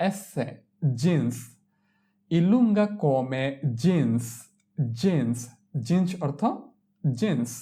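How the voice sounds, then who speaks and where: A woman with a low, mellow voice gives a slow Italian alphabet lesson. She spells each word letter by letter and says it three times before giving its meaning.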